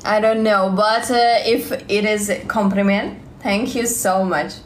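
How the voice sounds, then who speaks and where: A young woman in her twenties from Russia, with a Russian accent, chatting on a live stream in halting, simple English full of fillers and repeated words, on a phone held close in a small room. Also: medium pitch, fairly even intonation, reverberant, slight background noise. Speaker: livestream vlogger. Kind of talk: live stream chat, reading comments.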